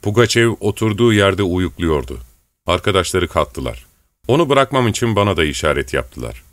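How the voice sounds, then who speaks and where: Male audiobook narrator, low and measured, dry close read. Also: sing-song, a bit bright, dry recording. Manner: measured, storytelling.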